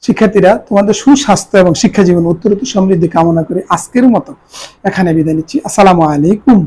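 A woman teacher gives a pronunciation lesson, slowing down and repeating each example word for her students. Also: medium pitch, dark tone, breathy edge, low-quality recording. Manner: repeats words for students to follow. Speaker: Bengali grammar teacher. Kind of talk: classroom lesson.

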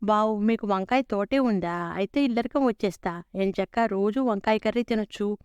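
A woman's voice: medium pitch, moderate pace, darkish tone, clear, resonant tone, no room sound, muffled recording, close to an everyday voice. A woman voicing an earnest young man who eagerly pleads his love in a read-aloud story. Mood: delighted. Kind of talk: storybook character reading.

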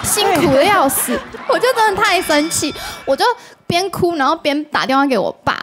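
A woman's voice: high voice, a little fast, over music. A woman with a Taiwanese Mandarin accent, a talk show guest telling a story casually and acting out the voices of the people in it. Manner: animated, acts out quoted dialogue.

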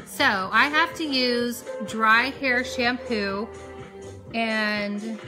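A woman in her thirties hosts a casual beauty live stream, talking very slowly in a slightly high voice over music. She chats and rambles while doing hair and makeup, in the style of a relaxed live tutorial.

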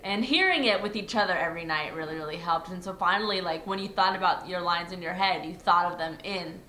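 Bright young woman in an echoey room. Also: lowish voice, fairly quick, slight background noise. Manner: earnest, with fillers. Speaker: actress interviewed about a play. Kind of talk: interview answer. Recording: echoey room with faint ambience.

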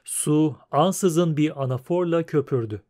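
Sesli kitap okuyan hafif tiz sesli adam. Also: male voice, fairly high pitch, a little slow, darkish tone. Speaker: audiobook narrator. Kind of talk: scripted narration.

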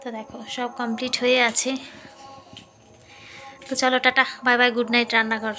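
A woman's voice: on the high side, little pitch movement, moderate pace, sharp tone, faint music behind. A woman vlogging casually on a handheld phone, chatting straight to her viewers as friends. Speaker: lifestyle vlogger. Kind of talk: casual vlog narration. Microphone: handheld phone camera.

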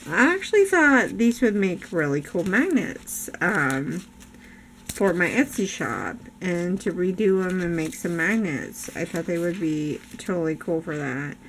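With a fairly low, sing-song voice at a measured pace, an older woman vlogs about her craft haul, chatting enthusiastically and laughing a lot despite losing her voice. The camera looks down on her craft room table, and the home recording is noisy.

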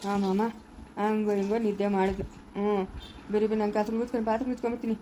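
A woman's voice: medium pitch, fairly even intonation, racing, noisy background. A woman with a rural Kannada accent acting as a mother in a family drama, coaxing and fussing over her baby in a sing-song voice. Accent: rural Kannada, Chikkaballapura area. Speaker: mother character.

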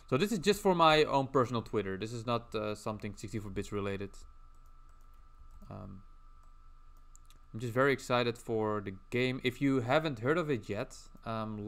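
A man's voice: medium pitch, vocal fry, fairly bright tone. A man streaming casually as he draws, rambling and chatting while reading out viewer messages. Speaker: livestreamer.

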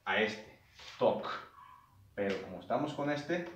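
A man teaching English to children, repeating words slowly and patiently in a classroom-lesson style. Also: on the low side, animated, a little hiss or hum. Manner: slow, repetitive drilling of words. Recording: roomy, distant from the mic.

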